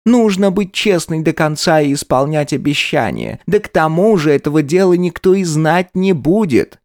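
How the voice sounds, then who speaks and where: A man's voice: fairly high pitch, expressive, moderate pace, a little mellow, no echo, pitched above the performer's own voice. Brief: cloying, persuasive aunt in an audiobook, done by a man, sweet, raised voice, dry recording. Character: older aunt, sugary and persuasive.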